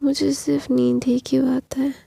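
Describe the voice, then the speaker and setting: A woman's voice: sits high, level tone, normal speed, creaky, mellow, slightly rough, dry recording, clean studio sound, heavily acted. A woman voicing a tired, hurt young husband in whispered role-play, weary and reproachful.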